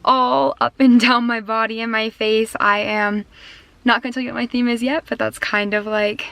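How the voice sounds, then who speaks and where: A young woman chatting casually to her vlog in a bubbly, excited sorority-girl manner. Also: on the high side, normal speed, creaky. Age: young adult. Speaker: vlogger. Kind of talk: casual vlog chat to camera.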